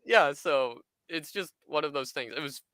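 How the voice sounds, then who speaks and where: A man in his twenties, a podcast guest, telling an animated anecdote and acting out what others said. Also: fairly high pitch, normal speed, no room sound, poor audio. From Southern California. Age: 20s. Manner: animated anecdote teller, acts out quoted voices. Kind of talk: casual storytelling chat.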